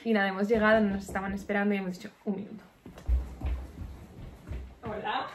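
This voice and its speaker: Woman vlogger, Spain Spanish accent, bubbly casual chat, medium pitch. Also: fairly quick, slight background noise. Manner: chatty, excitable, laughs often. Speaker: lifestyle vlogger. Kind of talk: casual vlog chat to camera.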